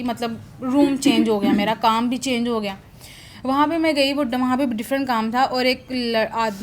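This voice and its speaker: A woman's voice: fairly high pitch, slight background noise. A woman sharing a personal testimony about her office work in a prayer session, in a rambling, hesitant way with many restarts.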